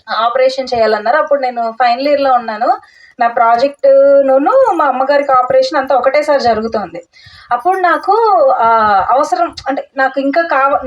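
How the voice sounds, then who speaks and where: A young woman with a high voice shares her meditation story earnestly, restarting her sentences and dropping in English words. She sounds set back from the mic. The audio is dull and muffled. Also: far from the mic. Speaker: meditation talk speaker. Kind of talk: personal testimony talk.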